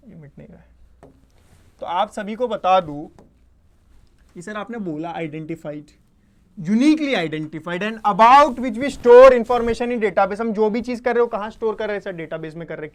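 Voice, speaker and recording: A man teaching an online exam-prep lecture. He keeps asking and answering his own questions, checks in with the class often, and mixes Hindi with English definitions he reads aloud. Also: high voice.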